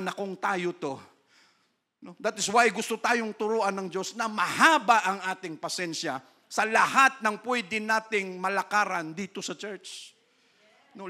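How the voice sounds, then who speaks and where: A man with a Filipino accent preaching a sermon as pastor, reading scripture slowly and then explaining it, often tagging lines with "no?". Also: high voice. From Philippines. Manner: switches between English scripture reading and Tagalog explanation, frequent tag "no?"; reads scripture slowly and loudly, drops to quiet explaining.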